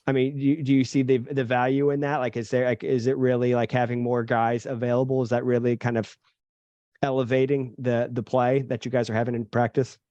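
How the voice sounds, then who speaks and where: A man co-hosting a sports podcast, asking loose, halting questions in casual chat. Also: medium pitch, level tone, warm tone, dry recording, muffled recording. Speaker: podcast co-host.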